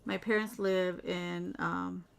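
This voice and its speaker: A woman's voice: lowish voice, little pitch movement, takes it slowly, creaky, smooth. A middle-aged woman chatting casually at home while doing beadwork, rambling and reading out viewer comments. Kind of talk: casual livestream chat while beading.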